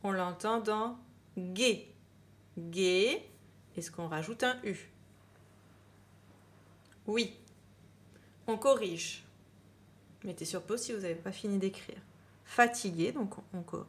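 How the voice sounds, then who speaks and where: Woman schoolteacher, unhurried dictation voice, stresses each word and spells it out. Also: mid-range voice. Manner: slow, clear dictation, spelling words letter by letter; repeats each word with emphasis. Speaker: primary school teacher. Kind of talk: dictation lesson for children.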